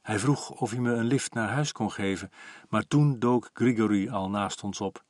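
A man in his forties calmly reading a first-person story aloud, even and reflective. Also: lowish voice, moderate pace, no echo, studio quality. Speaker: audiobook narrator.

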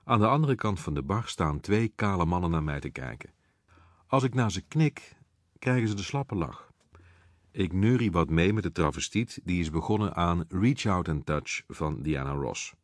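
Deep-voiced male audiobook narrator. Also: lively intonation, moderate pace, no echo, clean studio sound. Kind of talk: audiobook narration in first person.

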